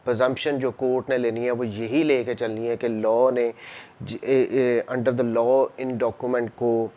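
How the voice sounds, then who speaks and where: A law lecturer with a Pakistani accent reads formal text aloud and explains it in a didactic style, code-switching between Urdu and English. His voice is medium-pitched and dark in tone, with little pitch movement and a slightly slow pace.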